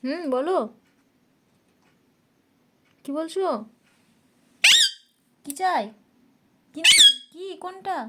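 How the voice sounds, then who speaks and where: High-pitched woman sweet-talking her pet bird at night, loud noisy background. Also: drawn-out words, long pauses. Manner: coaxing, scolding affectionately. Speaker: pet parrot owner. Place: home at night.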